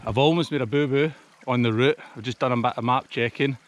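Talking fast, a hiking vlogger from Scotland in his thirties chats casually to camera on a mountainside, slightly out of breath. His voice is mid-range with fairly even intonation.

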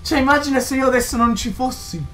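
A young man doing excitable horror game reaction commentary, coaching his friend through it. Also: very high-pitched, fast, faint music behind. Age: young adult. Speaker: gaming video co-host.

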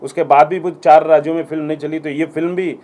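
A man's voice: fairly high pitch, fairly even intonation, fast talker, mellow. A man representing an organization, making a firm statement to the press with some hesitations. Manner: firm, declarative, with hesitation fillers.

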